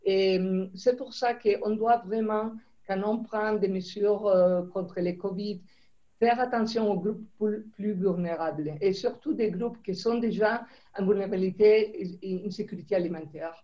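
A middle-aged woman with a foreign accent in French, not her native language, giving a halting briefing answer over a lo-fi video call. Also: medium pitch. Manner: halting, searching for words in non-native French. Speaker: food security official on a briefing panel. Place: indoor room, on a video call. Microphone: video call microphone.

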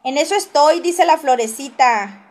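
A woman's voice: sits high, expressive, normal speed. A woman hosting a casual gossip livestream, reading viewer comments aloud and answering them with teasing asides and frequent laughs.

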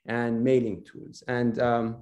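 A man presenting his tech platform as a panel guest, measured, with fillers, on a video call. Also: mid-range voice, monotone, darkish tone. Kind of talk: product presentation.

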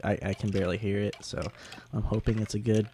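A young man giving halting, casual gameplay commentary, sounding sick with a sore throat and swollen tonsils. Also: lowish voice, level tone, warm tone, a little hiss or hum. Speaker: gaming video host.

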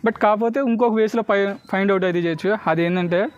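A man's voice: sits high, fast, clear, resonant tone, lo-fi sound. A man with a Telugu accent giving street performer patter for a card trick, mixing in English words and constantly checking that spectators follow. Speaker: street magician.

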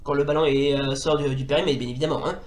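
A man from France giving casual gameplay commentary, switching into excitable mock sports-caster calls and swearing at his goalkeeper. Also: fairly high pitch, fast talker, roomy sound. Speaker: retro gaming YouTuber.

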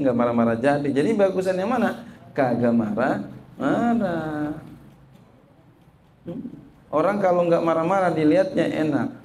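A man's voice: on the high side, a little hiss or hum. A man teaching a religious text as a sermon, repeating his points and asking the audience questions he answers himself, reading Arabic and translating it. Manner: lively, repetitive, asks the audience and answers himself; reads Arabic phrases then translates them. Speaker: Islamic teacher.

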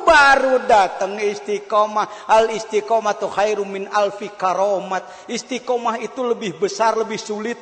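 A man preaching a sermon at a gathering, animated, moving between loud exclamations and soft asides. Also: very high-pitched. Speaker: Islamic preacher. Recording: long hall reverb.

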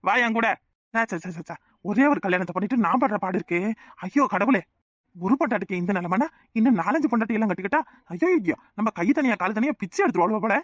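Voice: mid-range voice, animated, fast talker, fairly bright tone, no echo. A voice actor playing a hot-tempered, easily flustered young village husband in a cartoon comedy, with a Tirunelveli Tamil accent and scolding, exasperated rants. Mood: irritated.

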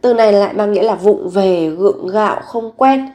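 A woman teaching Korean vocabulary in a recorded lesson, slowly repeating each word several times. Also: medium pitch, mellow.

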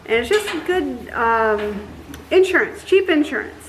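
A woman in her thirties, a dairy farmer co-hosting a casual farm vlog, explaining things in a relaxed way with fillers, filmed in an open barn by a nearby camera. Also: a little high, measured pace, slight background noise, rough recording. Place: open-sided barn outdoors.

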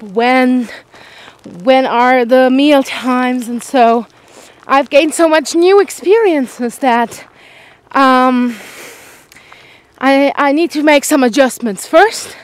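A woman filming herself on an outdoor evening walk, with a light voice that sits fairly high. She speaks slowly and thoughtfully, stopping and restarting as she finds her words. She has a mild cold, sounds tired, and is a little winded from walking with the handheld camera. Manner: gentle, reflective, many pauses and restarts. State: slightly out of breath from walking. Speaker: vlogger. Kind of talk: casual vlog while walking.

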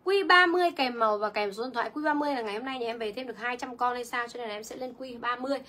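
A woman's voice: fairly high pitch, rapid-fire, sharp tone. A young woman selling clothes on a livestream, chatty and reading viewer comments aloud. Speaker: online clothing seller. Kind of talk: livestream sales pitch.

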